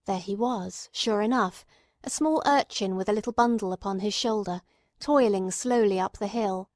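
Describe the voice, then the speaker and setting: A woman narrates scripted literary text as an audiobook reader, telling the story in a measured, carefully phrased way. Her voice is mid-range, and the recording is dry with clean studio sound.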